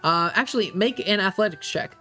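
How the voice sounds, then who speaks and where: A game master improvising tabletop narration in a hesitant, halting way, searching for words. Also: medium pitch, bright, forceful tone, soft background music.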